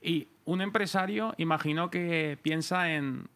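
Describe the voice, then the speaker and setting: A man's voice: fairly high pitch, a little slow, a bit bright, smooth, no room sound. An upbeat young man hosting an interview, introducing his guest and asking questions with enthusiasm. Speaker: interview host. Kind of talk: podcast interview.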